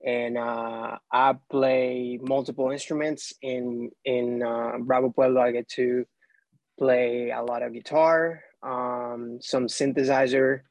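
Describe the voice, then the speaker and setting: Flat-voiced man, halting speech. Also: mid-range voice, no echo. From Venezuela. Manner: halting, repeats words. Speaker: musician guest. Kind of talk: casual interview over video call. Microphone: video call.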